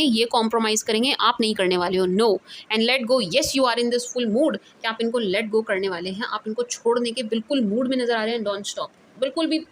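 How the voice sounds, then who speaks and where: Chatty, high-voiced woman reading tarot. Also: fairly bright tone, a little hiss or hum. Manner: emphatic, repeats phrases, laughs often; mixes Hindi with English. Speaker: tarot reader. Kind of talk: casual tarot reading to camera. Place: away from her usual recording spot.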